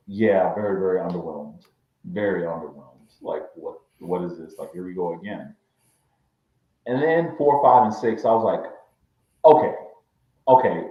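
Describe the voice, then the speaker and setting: A man with a very low voice talks loosely on a casual review podcast, stopping and restarting with plenty of fillers. His backup mic catches a strong room echo, and the sound is dull and lo-fi. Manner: rambling, hesitant, many fillers and restarts. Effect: echoey room sound from a backup mic. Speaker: podcast co-host reviewing a series. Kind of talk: casual chat. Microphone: backup mic after his main mic failed.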